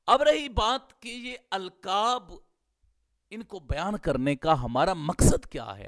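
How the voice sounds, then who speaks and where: A man with a Pakistani Urdu accent giving a scholarly lecture, stretching out words to spell their exact pronunciation. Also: high-pitched. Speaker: Islamic scholar teaching hadith studies. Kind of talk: classroom-style lecture.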